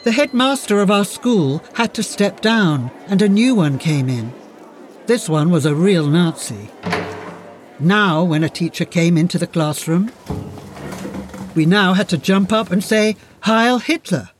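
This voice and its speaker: A man narrating a first-person memoir in a measured, solemn way. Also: high-pitched, animated, a little hiss or hum.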